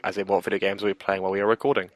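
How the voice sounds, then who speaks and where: A man's voice: deep voice, level tone, rapid-fire, low-quality recording. A man co-hosting a casual podcast chat over an online call, laughing often as he tells stories. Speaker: podcast co-host.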